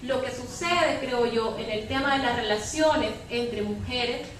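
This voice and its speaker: Her voice is on the high side and unhurried. At a public debate, she argues as a panelist, analytically and emphatically, in an impassioned way, and often ends with a questioning tag. It's captured in an echoey hall by a distant mic, with background noise.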